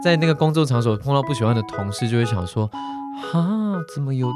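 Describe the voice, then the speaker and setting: Brief: young man, rapid chatty co-host, music bed behind. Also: medium pitch. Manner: chatty storyteller, laughs often. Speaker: podcast co-host. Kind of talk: casual chat.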